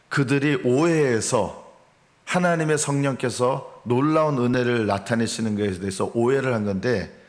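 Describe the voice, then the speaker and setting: Guy pastor doing a dawn sermon in a church, earnest, pushes hard on key words, plays out little quoted bits. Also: medium pitch. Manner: earnest, rising in emphasis, acts out mockers and angry replies. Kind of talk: early-morning sermon. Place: church sanctuary.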